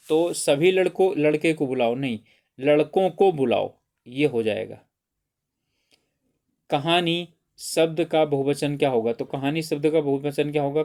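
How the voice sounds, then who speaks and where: A man's voice: fairly high pitch, a little mellow. A man teaching an exam-prep grammar lesson, who keeps asking questions and answering them himself, often saying "theek hai".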